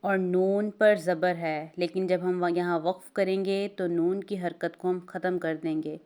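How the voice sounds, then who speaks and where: A woman teaching Tajweed, spelling out letters and vowel marks one by one and chanting verses slowly. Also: lowish voice, steady tone, warm tone, clean tone. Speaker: Quran recitation teacher. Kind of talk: Tajweed lesson with slow recitation.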